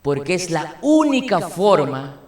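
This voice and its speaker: A man's voice: on the high side, sing-song, takes it slowly, echoey room. A male pastor giving a sermon, telling a story and building into emphatic preaching.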